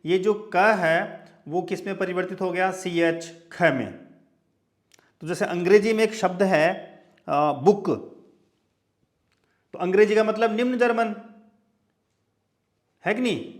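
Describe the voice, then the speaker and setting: A man teaching a class in a lecture style, with a light, high-pitched voice. He talks slowly and deliberately. He spells out example words letter by letter and keeps adding checking asides.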